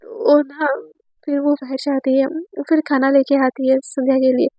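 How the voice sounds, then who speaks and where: Chatty woman storyteller, high voice, dry close sound, fillers and restarts. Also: flat delivery, moderate pace, darkish tone, dry recording. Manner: chatty, many fillers and repeated words. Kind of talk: casual spoken retelling of a romance story.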